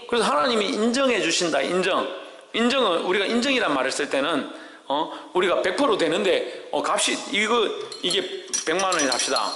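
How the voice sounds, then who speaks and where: A man's voice: sits high, animated, fairly quick, pushed and bright, reverberant, big-room sound, a little hiss or hum. A man preaching a sermon as a pastor, quizzing his congregation and acting out God's words. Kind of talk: sermon with audience questions. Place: church sanctuary.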